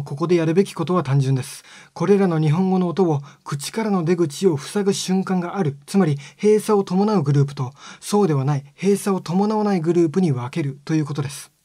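A man giving a scripted lesson on speech sounds, explaining step by step in a calm, polite way. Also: fairly high pitch, dry recording, studio quality. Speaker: phonetics teacher.

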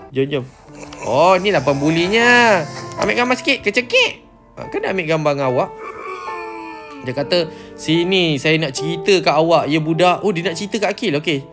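A man with a Malaysian Malay accent hosting a game channel, giving excited, playful commentary on an obby run and calling himself by name. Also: sits high, normal speed. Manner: playful, refers to himself in third person. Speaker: gaming channel host. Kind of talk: excited Roblox let's-play commentary. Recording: light background music.

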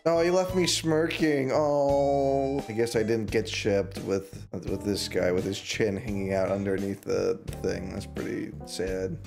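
A young man streaming, reacting to video clips with animated commentary and frequent laughter. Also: on the low side, measured pace, creaky, few pauses. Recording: music playing loudly behind the voice. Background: clip audio and music playing.

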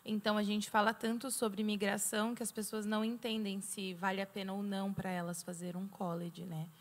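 A woman on a studio panel, giving advice in a measured, explanatory way into a handheld mic. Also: mid-range voice, level tone. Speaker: guest student. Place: TV studio set.

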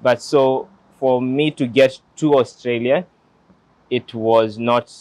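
This is a slow, earnest account from a young man in his late twenties, a lawyer with a Kenyan accent, reflecting on his life for an interviewer in relaxed fashion. The medium-pitched, slightly mellow voice stays fairly even. The dry, low-quality audio was captured outdoors on a lapel mic by a glass building.

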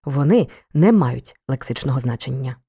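A woman narrating a scripted school lesson for children, explaining each point in a clear, measured way. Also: very deep voice, animated, mellow. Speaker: teacher.

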